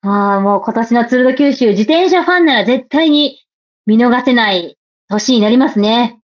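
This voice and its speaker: Woman streamer, high voice that bounces all over, chatty and playful, kinda muffled audio. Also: expressive, normal speed. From Japan. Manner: chatty and playful, laughs often, reads comments aloud. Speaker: livestream host. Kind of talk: casual chat reading viewer comments.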